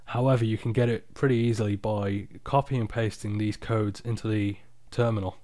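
Male, low-pitched, tired, casual screen-recording walkthrough, unpolished and informal, dry close sound. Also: steady tone, a little fast, dark tone, no echo. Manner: informal, unpolished, off-the-cuff explaining. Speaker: software tutorial presenter. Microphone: external microphone, close and dry.

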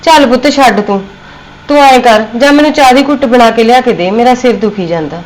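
An actress playing a soft-spoken, middle-aged mother-in-law with a Punjabi accent in a short film. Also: a little high, fairly quick, natural voice. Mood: weary. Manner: soft, gentle, reassuring. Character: worried mother-in-law with a headache.

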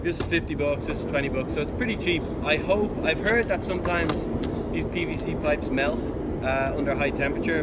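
A man in his thirties explaining a DIY job casually to camera. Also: mid-range voice. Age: 30s. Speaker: DIY video maker. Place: outdoors on a city street. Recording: noisy outdoor city street.

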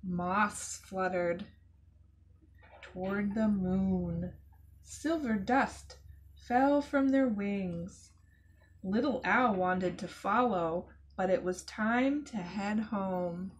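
A woman educator reading a picture book aloud to children, expressive and chatty with asides to the kids. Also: medium pitch, drawn-out words, a little hiss or hum. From United States. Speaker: zoo educator. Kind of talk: children's storytime read-aloud.

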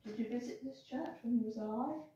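A woman's voice: fairly high pitch, brisk, mellow. Echoey distant English woman coaxing spirits. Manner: coaxing, polite questions to spirits. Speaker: paranormal investigator. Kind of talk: ghost-hunting call-outs. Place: inside a church porch. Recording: echoey, distant and dull with faint hiss.

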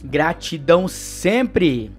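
Extremely slow and sing-song, a Brazilian Portuguese-accented astrology host reads the day's horoscope and pitches his services over soft background music. He addresses the listener directly in an affectionate, upbeat manner.

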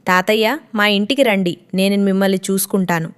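A woman's voice: mid-range voice, fairly quick, clean tone, natural voice. A woman voicing a kind young orphan man who speaks earnestly and caringly.

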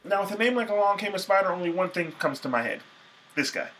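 A man's voice: high-pitched, lively intonation, fast talker, a bit bright, a little hiss or hum. A tired young man talking casually to camera in his small bedroom, chatty and playful as he hosts a band interview. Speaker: music vlogger interviewing a band. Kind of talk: casual vlog talk to camera. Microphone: camera mic at close range.

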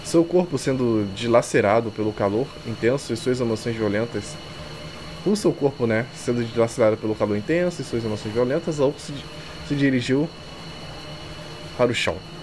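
Here the Brazilian streamer speaks at medium pitch and a brisk clip over a noisy background, with game music underneath. He reads the visual novel aloud while throwing in irreverent slang.

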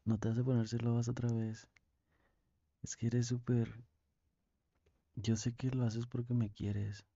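A young man with a Mexican accent playing a tender, lovesick boyfriend on a call in an ASMR role-play, speaking intimately with pauses. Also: medium pitch, level tone, vocal fry, mellow, no room sound, dull audio. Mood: tender, devoted. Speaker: ASMR performer.

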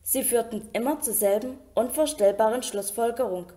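A woman reading a novel aloud in unhurried first-person narration. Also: fairly high pitch, warm tone. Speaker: audiobook reader.

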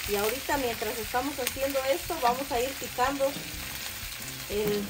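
A woman's voice: high voice, moderate pace, very noisy. A middle-aged woman hosting a casual home cooking video, explaining each step to viewers in a homely way. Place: outdoor covered backyard kitchen.

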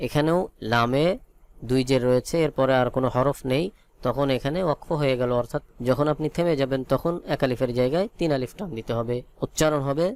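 A man from Bangladesh with a Bangladeshi Bengali accent, teaching Quran reading by spelling each letter and vowel mark, then reciting the words slowly. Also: medium pitch, a little mellow, clear, resonant tone, no echo. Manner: slow, drawn-out syllable-by-syllable spelling with chanted recitation.

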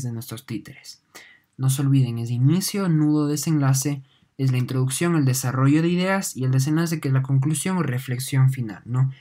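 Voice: medium pitch, warm tone. A teacher gives an online lesson, explaining patiently, often ending points with a questioning "no?" and repeating words while thinking.

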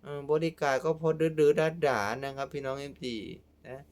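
A man's voice: medium pitch, little pitch movement, fairly quick, a little mellow, smooth. A man delivering a casual, heated, scolding monologue to his fans. He is crude and keeps adding repeated filler tags. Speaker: online commentator addressing his fans.

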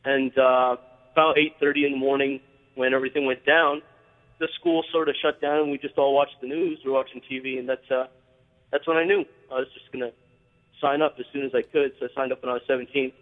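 A man's voice: mid-range voice, steady tone, fast talker. A man calling in to a radio show over the phone, talking earnestly with many fillers and restarts. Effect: call-in phone line on air. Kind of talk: call-in radio chat. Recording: tinny phone line with long reverb.

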